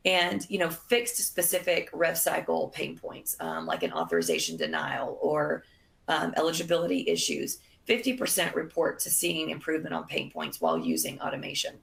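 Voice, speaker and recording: A woman presenting a business webinar, losing her voice, in a measured delivery with frequent fillers. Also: low-pitched, big pitch swings, gravelly, fairly bright tone.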